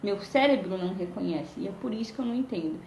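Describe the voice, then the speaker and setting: A woman's voice: medium pitch, animated, quick pace, a little mellow, echoey room, a little hiss or hum. A woman English teacher with a Brazilian Portuguese accent, giving a chatty live lesson and checking in with "né?" and "tá?". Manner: chatty, explains with many "né?" and "tá?" tags. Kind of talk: live-streamed language lesson. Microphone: phone or webcam.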